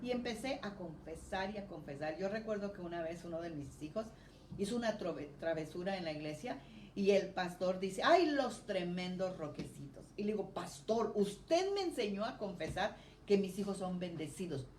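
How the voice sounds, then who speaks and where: A middle-aged woman preaching a lively sermon of personal testimony, her phrases rising in emphasis. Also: lowish voice, normal speed. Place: church. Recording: roomy church echo, faint noise.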